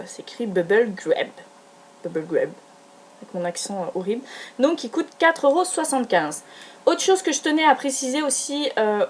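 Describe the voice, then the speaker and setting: A young adult woman, a beauty vlogger, chats casually through a beauty product haul in a voice on the high side with a darkish tone. She's enthusiastic and gushing yet hesitant, full of fillers and restarts.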